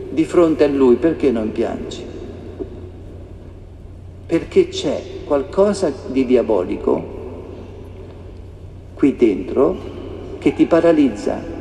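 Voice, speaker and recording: A man's voice: a little high, dark tone, a little hiss or hum. A man preaching a sermon with passion, asking rhetorical questions again and again. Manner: impassioned, repeats rhetorical questions. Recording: echoey hall reverb, faint ambience.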